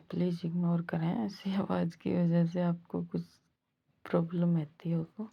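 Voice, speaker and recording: A woman vlogger narrating her pilgrimage walk in a soft, devout way. She has a husky, strained voice from ongoing throat trouble. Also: on the low side, muffled recording. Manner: slow, soft-spoken and devout. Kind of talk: travel vlog voice-over.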